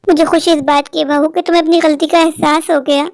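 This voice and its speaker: A woman voicing a wise older mother-in-law in a cartoon story, speaking calmly and soothingly. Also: high-pitched, fast, no room sound, clean studio sound, pitched below the performer's own voice. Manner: calm, soothing, advising. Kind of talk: dubbed Hindi cartoon story.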